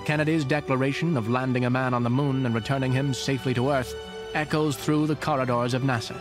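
A man's voice: medium pitch, steady tone, fast, over music. A man reading scripted historical narration as a documentary narrator in a voice-over. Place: voice-over recording with music behind.

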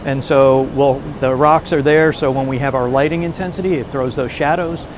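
Guy explaining technical stuff on site, mid pitch, kinda halting, noisy machinery hum. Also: fairly even intonation. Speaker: technical guide. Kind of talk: informal technical walk-through.

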